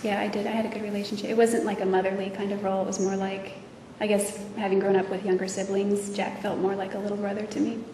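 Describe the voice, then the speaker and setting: A woman testifying as a witness, speaking hesitantly with many pauses and fillers, in a courtroom recording. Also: mid-range voice, flat delivery, mellow. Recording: echoey courtroom audio from far off with noise.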